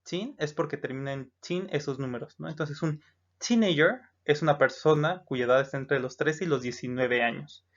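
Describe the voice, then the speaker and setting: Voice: mid-range voice, moderate pace. A teacher with a Mexican Spanish accent in a recorded lesson, patiently saying each English number aloud, repeating it, and checking in with "¿no?". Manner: explanatory, with frequent "eh" and "¿no?" checks. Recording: slightly dull lo-fi recording.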